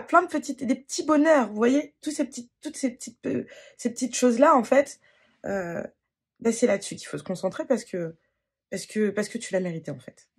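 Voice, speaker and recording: A tarot card reader giving a spontaneous reading, talking gently and haltingly, with many restarts and fillers. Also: medium pitch, husky.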